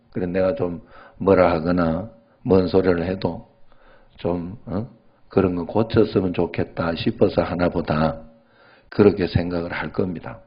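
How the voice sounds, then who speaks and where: A man's voice: low voice, muffled recording. A male pastor giving a sermon in a conversational way, often checking in with the congregation.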